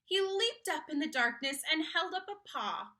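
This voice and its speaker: A woman reads a children's picture book aloud with theatrical expression, drawing in her young listeners. Her voice sits high and moves at a moderate pace.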